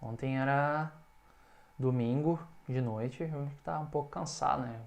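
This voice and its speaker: A man's voice: mid-range voice, measured pace, gravelly. A man with a Brazilian Portuguese accent, teaching English in a video lesson and stretching out example phrases for the learner to repeat.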